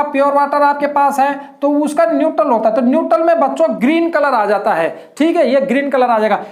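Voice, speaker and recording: A woman's voice: high voice, a little mellow. A woman teacher explaining a lesson in a repetitive way, often calling her students children. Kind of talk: classroom-style lesson explanation. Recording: echoey room.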